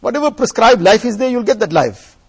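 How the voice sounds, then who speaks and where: High-pitched husky male preacher. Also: big pitch swings, fairly quick. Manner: earnest, exhortatory, repeating phrases for emphasis. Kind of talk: sermon, reading Urdu passages and translating them into English.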